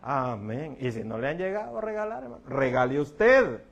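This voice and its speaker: A man's voice: medium pitch, sing-song, moderate pace, vocal fry, muffled recording. A middle-aged man, preaching an evening sermon in a folksy, joking way and addressing the congregation again and again as brother. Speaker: pastor.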